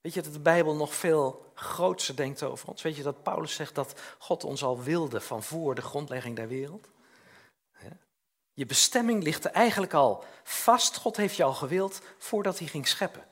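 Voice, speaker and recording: A man's voice: fairly high pitch, normal speed, husky. An older man preaching a chatty, informal sermon, often tagging questions onto his sentences and acting out little scenes.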